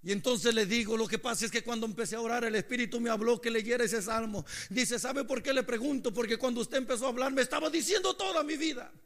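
A man preaching a sermon, moving between hushed storytelling and impassioned shouting. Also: very high voice, fast talker, few pauses.

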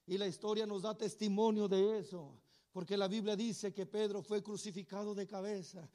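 A male preacher telling a sermon as a dramatized story, acting out the voices of its characters and swinging between hushed lines and shouts. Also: high voice, fairly even intonation, moderate pace.

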